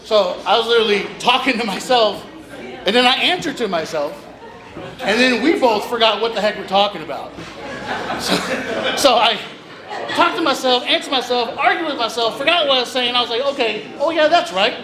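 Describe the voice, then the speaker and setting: A stand-up comedian in his 30s, high-pitched with lively intonation, talks a little fast. Through a stage mic and PA at a small club, he rambles, jokes self-deprecatingly and acts out dialogue, amid echo and a chattering crowd.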